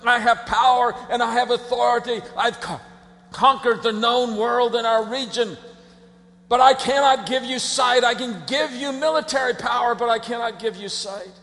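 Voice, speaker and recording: Proud ancient conqueror, male, declaiming loudly in a long-reverb hall, as a preacher puts him on. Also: extremely high pitch, moderate pace. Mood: proud, resigned.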